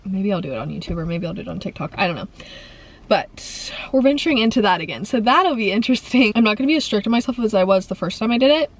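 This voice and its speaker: A woman's voice: medium pitch, animated, quick pace. A young woman vlogger talking through viewer questions in a chatty, rambling way, a little congested. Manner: rambling, fills with "like" and "um". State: slightly congested. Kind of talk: chatty Q&A vlog.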